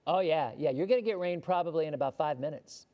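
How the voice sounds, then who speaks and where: Hosting a live weather broadcast, this hoarse man answers questions from viewers in a relaxed, chatty way, frequently repeating words as he works out his thoughts. His voice is on the high side and mellow, and he talks fast.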